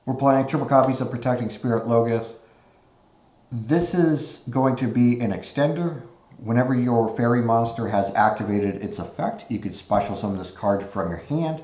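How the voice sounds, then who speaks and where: A man giving a casual card game deck walkthrough with relaxed, explanatory talk, recorded in low-quality audio without his usual mic. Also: normal speed. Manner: relaxed, explanatory, frequent "uh" fillers. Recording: echoey room on a makeshift mic.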